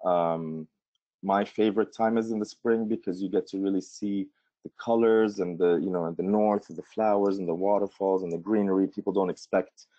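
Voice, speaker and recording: Low-voiced man from Jordan, webinar talk. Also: steady tone, normal speed, mellow, no echo. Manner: casual, many fillers and restarts. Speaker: tourism board presenter. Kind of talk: webinar presentation. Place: Washington D.C. remote setup. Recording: dull lo-fi audio.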